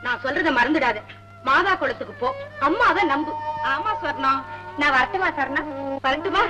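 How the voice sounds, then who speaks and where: Reassuring village neighbour, high voice; vintage film track with loud score. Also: female voice, expressive, moderate pace. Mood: soothing. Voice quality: coaxing, reassuring. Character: consoling village woman friend. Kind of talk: 1960s Tamil film acting. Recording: old film soundtrack with loud music.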